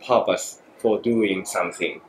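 A guest photographer, a man with a low, steady voice and a Japanese accent, speaks in a halting, thoughtful way with many fillers during a podcast interview. He's in a small studio room that sounds echoey, with faint noise.

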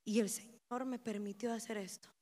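A young woman with a Honduran Spanish accent preaching a sermon at a women's conference, impassioned and climbing to loud emotional peaks. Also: mid-range voice, steady tone, moderate pace.

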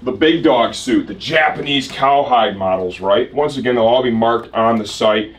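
A man's voice: mid-range voice, normal speed. Upbeat male shop promo host. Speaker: host of a motorcycle gear shop show. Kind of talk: casual sales promo presenting. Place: indoor shop set.

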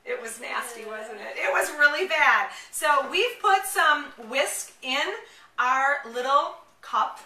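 A woman in her thirties, a mom blogger, demonstrates a product in her home kitchen, chatty and enthusiastic as if talking to kids. Her voice sits high and sounds bright and forceful, delivered slowly. The camera mic a few steps away gives a roomy, distant sound.

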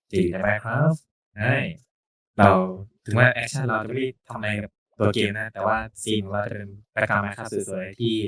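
Male podcast host, lower register, casual, joking chat. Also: a bit bright.

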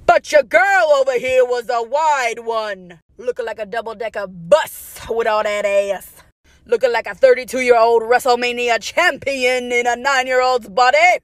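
A woman's voice: a little high, unhurried, dry recording, clean studio sound. A woman telling a crude, self-mocking story from her childhood for laughs. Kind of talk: comedic storytime.

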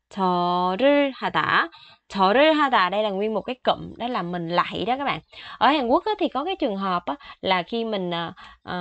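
Speaking in a mid-range, slightly bright voice, this woman teaches Korean vocabulary, though Vietnamese is her first language. She patiently explains every word and says it several times over. The audio is dull but free of echo.

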